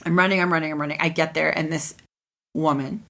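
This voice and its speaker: Woman podcast host, lowish voice, chatty storytelling, does voices for people in the story. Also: fast, vocal fry. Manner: animated storyteller, acts out quoted voices. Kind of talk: casual storytelling chat.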